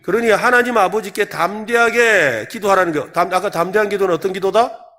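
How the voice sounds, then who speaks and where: A man's voice: high voice, brisk, sharp tone. A man with a Gyeongsang Korean accent preaching a sermon as senior pastor at a church service, quizzing the congregation with repeated questions.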